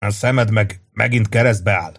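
A man reading an audiobook, voicing a young soldier with flat, dry remarks. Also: fairly low pitch. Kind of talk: audiobook character voice.

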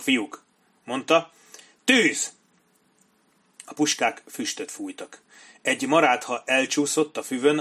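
A man reading a war novel aloud as an audiobook narrator, in steady, measured storytelling. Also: mid-range voice.

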